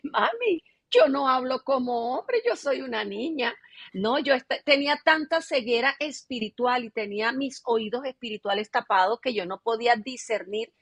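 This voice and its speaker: A woman's voice: a little high, fairly bright tone, no room sound. A middle-aged woman pastor, telling her testimony in an interview and acting out the dialogue she quotes.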